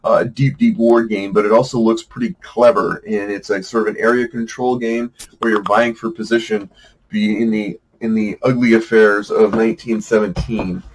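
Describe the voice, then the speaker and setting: Middle-aged guy hosting a board game show, kinda low voice, chatty and joking, lots of uhs. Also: flat delivery, moderate pace, poor audio. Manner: chatty, wry, self-deprecating, with frequent fillers and restarts. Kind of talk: casual solo talk about board games.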